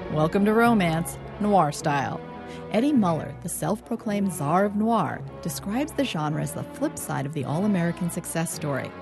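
A woman's voice: on the low side, animated, moderate pace, vocal fry, over music. A woman reporter narrating a scripted radio news feature.

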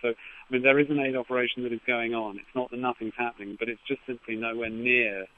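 A man giving a news interview as an aid official, speaking haltingly with repeated false starts. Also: medium pitch, steady tone. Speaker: aid agency representative, interviewee. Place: phone call to a radio studio. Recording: tinny phone line.

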